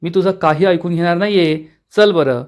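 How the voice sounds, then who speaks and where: A man's voice: sits high, moderate pace, lo-fi sound, natural voice. Man voicing a stubborn, caring young daughter. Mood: insistent. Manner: insistent, pleading.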